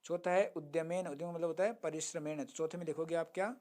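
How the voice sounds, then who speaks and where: A man teaching a Sanskrit lesson, chanting verses slowly, then explaining them and answering his own questions. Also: on the high side, steady tone, a little mellow. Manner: asks students questions and answers them himself. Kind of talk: online lesson.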